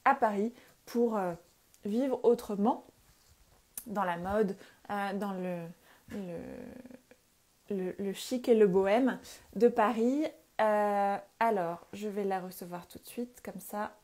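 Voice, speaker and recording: A woman's voice: medium pitch, slow pace, long pauses, darkish tone. A woman hosting and moderating a live interview, eager, with frequent fillers in her introductions. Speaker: host and moderator.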